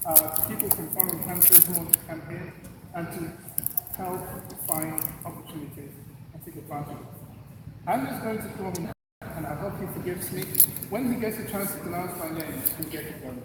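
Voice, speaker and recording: A man's voice: sits high, brisk, long pauses. Distant, very echoey man introducing a speaker. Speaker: ceremony introducer. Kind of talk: informal spoken introduction. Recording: distant, very echoey, very noisy hall.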